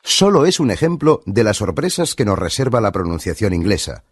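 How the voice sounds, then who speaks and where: A man's voice: fairly low pitch, sing-song, brisk, slightly rough, no room sound, studio quality. Spanish man narrating a language lesson. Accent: Spain Spanish. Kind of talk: scripted instructional narration.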